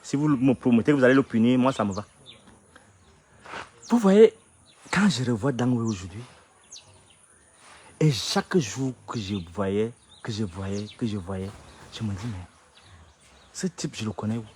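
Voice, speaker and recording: A middle-aged man with a Cameroonian French accent telling a story in an interview, swinging between loud indignation and quiet asides. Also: medium pitch, expressive, unhurried, pauses often, breathy edge. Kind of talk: animated storytelling.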